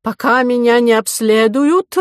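A woman's voice: mid-range voice, lively intonation, slow, a little mellow, no echo, studio quality. A woman voicing a haughty, demanding directress in an audiobook, indignant and imperious.

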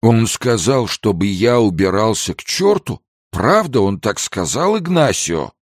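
A man's voice: lowish voice, very animated, a little slow, no room sound, studio quality, pitched above the performer's own voice. A man voicing a drunken, sentimental prison chief who talks in a maudlin, tearful, slurred way. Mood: drunk indignant. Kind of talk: audiobook character voice.

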